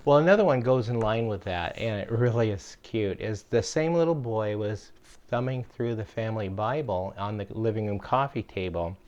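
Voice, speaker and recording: A man's voice: fairly low pitch, expressive, moderate pace, darkish tone, dull audio. An older man and homestead channel host telling jokes from his caregiving days in a folksy, rambling way, full of fillers. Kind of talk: casual storytelling.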